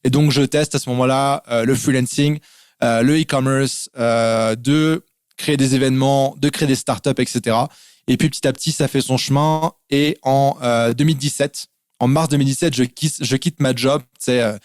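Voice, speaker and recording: A man's voice: medium pitch, a little mellow, clean tone, dry recording, clean studio sound. A man from France, a guest in a casual interview, explaining things in lists with lots of fillers. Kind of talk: casual interview over a call.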